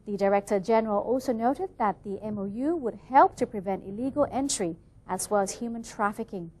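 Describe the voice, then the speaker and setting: A woman's voice: mid-range voice, fairly quick, darkish tone. A woman reading scripted television news as an anchor.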